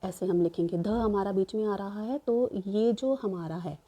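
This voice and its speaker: A woman's voice: medium pitch, moderate pace, dark tone. A woman teacher giving a grammar lesson, explaining step by step and asking and answering her own questions. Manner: repeats "ठीक है" to check understanding.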